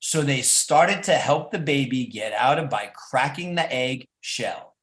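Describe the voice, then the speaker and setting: Slow, animated man reading to kids. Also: medium pitch. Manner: animated, coaxing. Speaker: storyteller for children. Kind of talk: reading a children's story aloud. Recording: echoey room.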